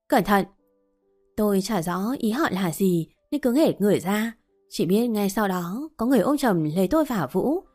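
A woman narrating a first-person story in a steady audiobook reading. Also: medium pitch. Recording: faint background music.

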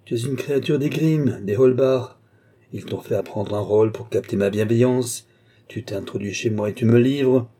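A man's voice: mid-range voice, normal speed, dark tone, breathy edge, natural voice. A man voicing a suspicious, touchy older male philosopher in an audiobook, hurling accusations and lamenting his betrayals. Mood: indignant. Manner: accusing, self-pitying outbursts.

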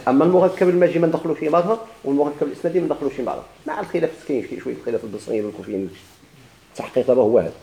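A man's voice: fairly high pitch, racing, vocal fry, mellow, reverberant, rough recording. A man with a Moroccan Arabic accent teaching a grammar lesson, asking questions and answering them himself with repeated examples.

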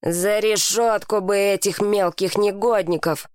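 A woman's voice: mid-range voice, steady tone, measured pace, darkish tone, clean tone, no room sound, clean studio sound, close to an everyday voice. A woman voicing a grumpy oysterman who snaps and shrieks threats. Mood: grumbling. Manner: snappish, shrieking.

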